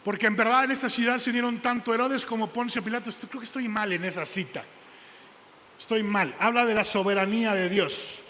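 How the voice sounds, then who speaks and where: A man's voice: sits high, pushed and bright, slight background noise. Man, pastor, emphatic sermon, handheld mic, church hall with long reverb. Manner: emphatic, repeats key phrases slowly.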